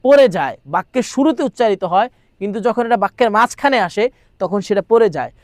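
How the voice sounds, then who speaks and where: A man's voice: high voice, lively intonation, quick pace, no room sound, clean studio sound. A man teaching an exam-prep grammar lesson. He reads lines aloud, translates them, repeats them, and keeps asking rhetorical questions. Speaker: madrasa exam tutor.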